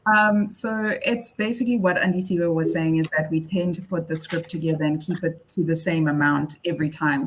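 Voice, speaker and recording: A woman speaking as a panelist, explaining her work in an unscripted talk. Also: deep voice. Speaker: panelist, fact-checking podcast scriptwriter.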